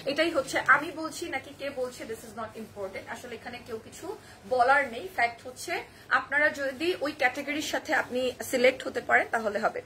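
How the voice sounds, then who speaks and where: A hoarse young woman with a Bangladeshi Bengali accent talks quickly in a high, bright voice as she pitches dresses live. She is chatty and answers viewer comments as she goes, with a faint background hum. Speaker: online boutique live seller. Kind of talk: live-stream sales pitch.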